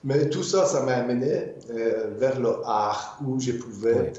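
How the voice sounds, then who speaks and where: An older man from Iran, a guest artist in an interview, speaking haltingly with many fillers and repeated words. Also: mid-range voice, a little mellow. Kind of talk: interview conversation. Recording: muffled, very echoey room.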